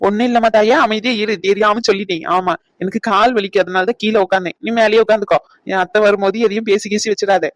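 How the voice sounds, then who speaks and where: A woman voicing a bold, lively young woman in a cartoon, bantering with her friends. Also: medium pitch, fast talker, no echo, lightly acted.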